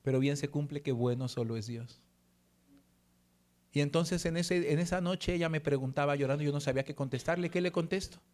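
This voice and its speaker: A middle-aged man, a pastor preaching a sermon built on a personal story. He talks earnestly and slows down and softens when he quotes Bible verses. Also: on the high side.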